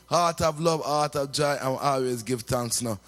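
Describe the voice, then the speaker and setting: A man, a guest artist giving shout-outs on a radio session and half-singing his words. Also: mid-range voice, moderate pace. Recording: music faintly behind the voice.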